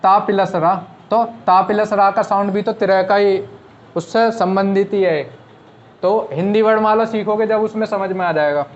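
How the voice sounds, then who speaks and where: His voice sits high and his intonation stays fairly even as he teaches shorthand at a moderate pace, captured on a muffled recording. The online lesson proceeds step by step, with patient rhetorical questions he answers himself.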